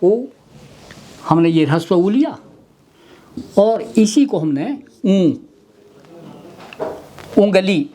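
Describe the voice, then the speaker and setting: Slow, deliberate man teaching pronunciation. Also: high voice, animated, dark tone. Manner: deliberate, repeats sounds and words to demonstrate pronunciation. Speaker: Hindi grammar lecturer. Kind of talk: slow explanatory webinar lecture. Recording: faint background noise with clicks.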